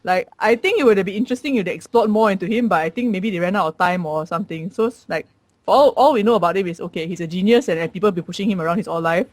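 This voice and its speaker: Man, high voice, fast talker, dry close mic, wry quips. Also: no echo. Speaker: podcast co-host. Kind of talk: casual movie review chat.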